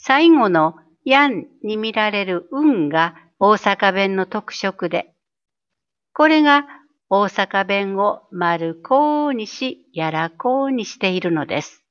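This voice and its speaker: Slow, gentle woman reading an essay. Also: medium pitch, animated, clean tone, dull audio. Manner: gentle, unhurried reading that acts out dialect phrases.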